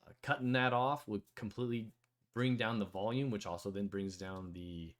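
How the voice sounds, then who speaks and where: A man with a somewhat low voice hosts a casual online voice chat. He talks in a loose, rambling way, full of fillers and restarts. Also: moderate pace. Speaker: host of a community AMA.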